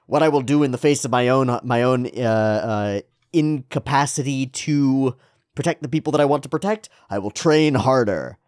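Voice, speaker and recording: A man's voice: mid-range voice, moderate pace, a little mellow, no echo, clean studio sound, voice pushed up, close to an everyday voice. A man voicing an earnest, determined young anime hero, making solemn, declamatory vows in paraphrase. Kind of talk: paraphrased anime speech in reaction commentary.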